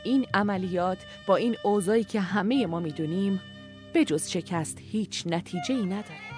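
A determined male commander addressing his men in an audio story, as a narrator puts him on. His delivery is firm and insistent at a mid pitch. Faint violin music plays behind. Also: a little mellow, close to an everyday voice. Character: resolute war commander, man, firm and impassioned.

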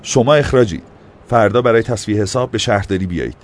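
A man's voice: fairly low pitch, pitched above the performer's own voice, close to an everyday voice. A man voicing a stern male mayor who scolds his staff. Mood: commanding. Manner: stern, reproachful.

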